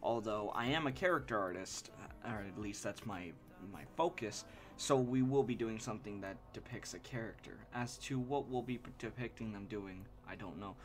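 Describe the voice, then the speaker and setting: A young man streams himself drawing and chats casually in a fairly low voice, his nose stuffy and sniffly from allergies, with soft background music playing. He keeps restarting and trailing off, rambling in a halting, apologetic, self-deprecating way.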